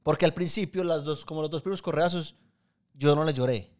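A man's voice: on the high side, a little fast. Slangy Paisa man telling stories. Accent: Colombian Paisa. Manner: animated, slangy storyteller who swears freely. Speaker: podcast co-host. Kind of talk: casual chat.

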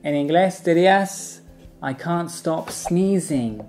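A man teaching English vocabulary in a bilingual lesson, repeating each model sentence slowly and carefully. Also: on the high side, darkish tone, faint music behind.

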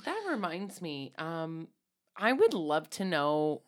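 A woman's voice: deep voice, sing-song, slow. A woman co-hosting a podcast in casual chat, rambling with lots of ums and likes and laughing easily. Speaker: podcast co-host.

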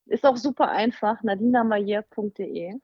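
A woman's voice: medium pitch, normal speed, slightly rough, no echo, lo-fi sound. A woman, a sales trainer, as a guest in a casual interview, talking frankly and laughing easily.

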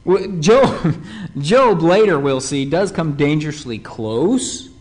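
A man delivering a sermon in a somewhat high voice. His pitch rises and falls dramatically as he builds his points. He often turns to his listeners with rhetorical questions. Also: animated, takes it slowly. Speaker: preacher.

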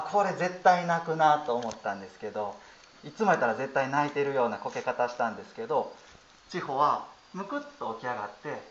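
A man in his thirties with a Kansai accent, a Buddhist priest giving a gentle, storytelling dharma talk with many fillers. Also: medium pitch, a little hiss or hum. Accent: Kansai Japanese. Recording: roomy, slightly dull audio.

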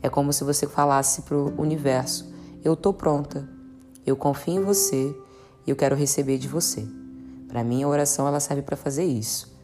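A woman, teaching a meditation practice in a calm, earnest way and slowly repeating mantras. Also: sits low. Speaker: spiritual guide. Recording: soft instrumental music behind.

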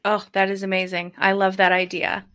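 A woman's voice: mid-range voice, completely flat delivery, moderate pace, a bit bright. A woman hosting an interview, encouraging her guest and asking questions with hesitant fillers and self-corrections. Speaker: interview host. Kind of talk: conversational interview.

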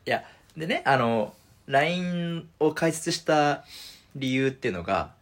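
A man's voice: on the high side, big pitch swings, measured pace. A man co-hosting a casual podcast, easygoing, laughing often and explaining things plainly. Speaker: podcast co-host. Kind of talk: casual chat.

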